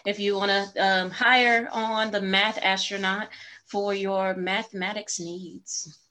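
A woman's voice: mid-range voice, little pitch movement, takes it slowly, bright, forceful tone. A young adult woman hosting a casual interview podcast, upbeat and playful in manner. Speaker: podcast host.

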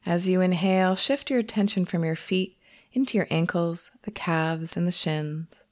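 A woman whose voice is on the low side serves as the teacher for a guided meditation. She keeps her tone gentle, her pace slow, and her pauses long.

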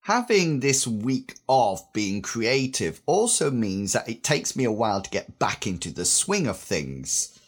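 A British man in his fifties with a slightly husky voice, recovering from a sore throat, hosting a podcast in a scripted style. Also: mid-range voice, sing-song, unhurried. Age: 50s. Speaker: podcast host.

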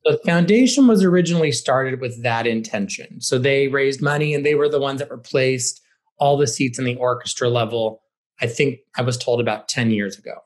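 This is a medium-pitched, brisk male voice belonging to a high school theater director. He's a podcast guest, answering interview questions in a conversational, explanatory way.

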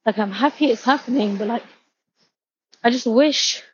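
A woman's voice: fairly high pitch, moderate pace, lo-fi sound, slight background noise. A woman in her twenties rambling in a walk-and-talk vlog, out of breath as she walks outdoors and filling her talk with "like". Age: 20s. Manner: rambling, heavy use of filler "like". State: out of breath from walking. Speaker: vlogger. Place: outdoors, walking home from a station.

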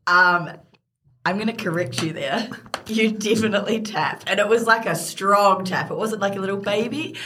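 A young woman hosting a podcast in casual chat, teasing her guest, laughing, and quick to correct his version of events. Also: medium pitch, bright, forceful tone. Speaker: podcast host.

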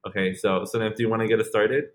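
He talks fast with fairly even intonation and a lowish voice, a late-twenties podcast co-host rambling through casual chat full of fillers and restarts.

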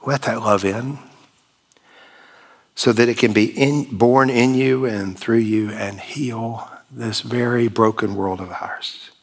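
A man preaching a sermon as pastor, measured and emphatic with long pauses. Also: mid-range voice, steady tone.

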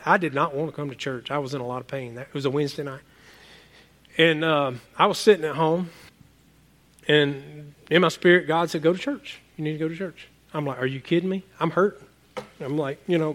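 A man with a high, light voice preaching to his congregation. He talks in a loose, conversational way, repeating words and tossing in quick asides. He speaks from a church. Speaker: pastor. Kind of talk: sermon.

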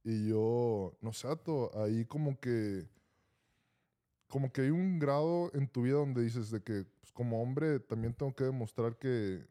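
Brief: Mexican man, co-host, animated storyteller, mid-pitched, casual slang. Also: measured pace. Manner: animated, slangy, says vato often. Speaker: podcast co-host.

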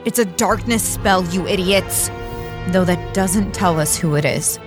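A woman's voice: fairly low pitch, measured pace, natural voice. Casting: actress playing a cutting, no-nonsense fighter girl, faint music under. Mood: sarcastic. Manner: cutting, sarcastic. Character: sharp-tongued young female warrior, tough.

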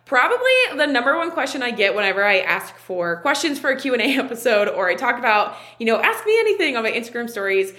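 A woman's voice: a little high, big pitch swings, fast, hardly any pauses, sharp tone. A woman in her twenties hosting her own podcast, talking in a chatty, candid way with frequent fillers. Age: 20s. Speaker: podcast host and online wellness coach. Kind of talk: casual solo podcast talk.

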